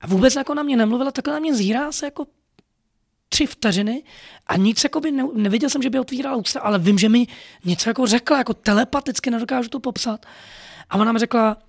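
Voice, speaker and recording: A man's voice: extremely high pitch, vocal fry, dry recording, studio quality. A man telling a personal story in an earnest, rambling way, full of fillers. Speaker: podcast storyteller.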